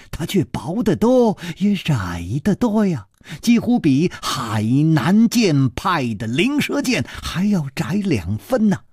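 A man's voice: a little high, a little mellow, husky, no echo, clean studio sound, exaggerated voice. A man voicing an earnest young male swordsman who frets and draws out his words with sighs.

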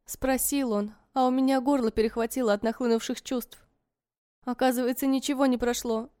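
A woman narrating a story in the first person, in a soft, measured and wistful way. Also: sits high, fairly even intonation, clear, resonant tone, no echo, clean studio sound.

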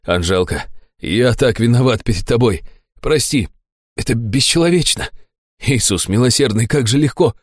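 A man voicing a plump middle-aged businessman, overjoyed and tearful, talking in a high, shouting voice. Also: expressive, moderate pace, dry recording, clean studio sound, lightly acted. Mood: giddy, tearful.

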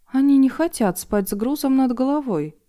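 A woman voicing a confused young female hotel receptionist, high and bewildered. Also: lively intonation, normal speed, dark tone.

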